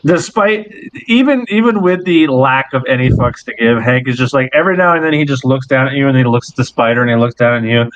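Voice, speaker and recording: A man's voice: medium pitch, a little fast, few pauses, no room sound. A man narrating a tabletop game as game master, laid-back and joking, swearing often. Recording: dull, dry recording.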